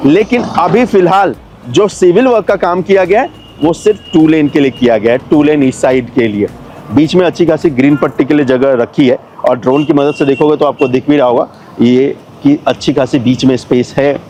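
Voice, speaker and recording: Chatty man, dark mellow voice. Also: fairly high pitch, moderate pace, slight background noise. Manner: chatty, explains to viewers, calls them brother and friends. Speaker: travel and real estate vlogger. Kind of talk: casual on-site video commentary. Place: driving on a new expressway, partly outdoors at a building site.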